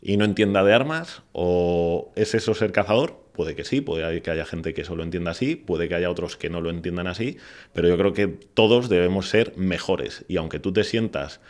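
A man in his forties with a low voice and a Castilian Spanish accent hosts a podcast conversation. He speaks in a measured, argumentative flow, posing questions to himself, recorded close on a studio microphone. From Spain. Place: small indoor podcast studio. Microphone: close boom-arm studio microphone.

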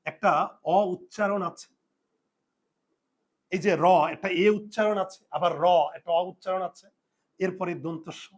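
High-voiced man teaching a spelling lesson. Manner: repeats and drills points, asks and answers own questions. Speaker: Bengali language teacher.

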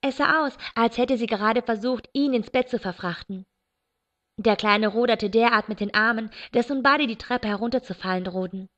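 A woman reading a novel aloud in first person, steady and expressive. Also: fairly high pitch. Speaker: audiobook reader. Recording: dull lo-fi recording.

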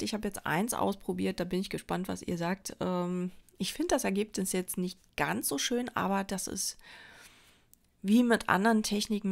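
A chatty woman from Berlin, Germany, with a gravelly edge to her mid-range voice, works as a crafting vlogger. Sitting indoors at a table, she chats casually while crafting, rambling with many fillers and restarts.

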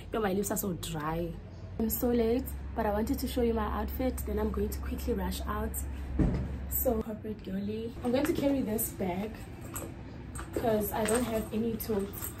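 In a small dorm room, a young woman who vlogs as a student talks casually to a phone camera held at arm's length. Her voice sits in the mid-range, and her chat rambles with frequent self-corrections. She is a young adult, and there's background noise.

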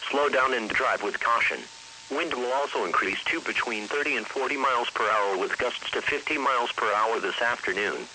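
A synthetic text-to-speech male voice reads a scripted weather bulletin in a formal, impersonal announcing style. Its tone is very bright and sharp at a medium pitch, carried over a radio broadcast with faint hiss and poor audio.

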